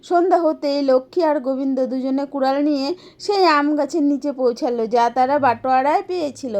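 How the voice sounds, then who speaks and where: A woman storyteller narrating a moral folk tale in a steady storytelling manner. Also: high-pitched, brisk.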